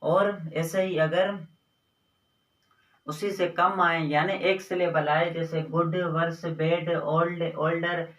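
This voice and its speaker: Man, teacher, high voice, unhurried repetitive explaining, distant mic, echoey classroom sound. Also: flat delivery, fairly bright tone. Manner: slow, repetitive explaining with drawn-out words. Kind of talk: Hindi grammar lesson on English adjectives.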